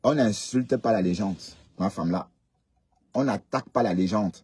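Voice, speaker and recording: A man's voice: on the low side, moderate pace, darkish tone, breathy edge, no echo. A man hosting a live stream, commenting casually and emphatically, repeating phrases and checking that listeners agree. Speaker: livestream host.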